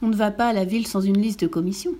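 A woman voicing an excitable, fussy female cow in a children's storybook, with high exclaiming lines. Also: quick pace, close to an everyday voice. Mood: eager. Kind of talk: storybook reading.

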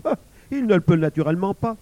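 An obsequious grown-up thief, smarmy and falsely calm, as a male reader voices him. His lively, raised tone protests innocence in a storybook reading. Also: high voice, normal speed, highs cut off, pitched above the performer's own voice. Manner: obsequious, feigned indifference. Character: smooth, lying adult male thief.

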